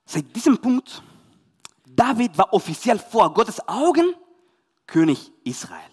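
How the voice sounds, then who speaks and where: A man from Chile with a Spanish accent, a youth pastor telling a Bible story to children and parents in lively, emphatic German. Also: high-pitched, takes it slowly, husky, big-room sound.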